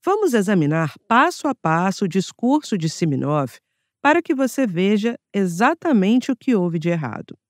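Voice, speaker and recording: Animated Brazilian woman narrating an audiobook. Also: medium pitch, no echo, studio quality. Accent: Brazilian Portuguese. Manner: clear, measured nonfiction reading. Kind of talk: scripted narration.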